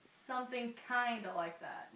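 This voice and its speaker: A woman's voice: a little high, unhurried, sharp tone, a little hiss or hum, rough recording. Young woman patiently explaining brain scans. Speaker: explainer in a school video skit. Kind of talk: scripted educational skit.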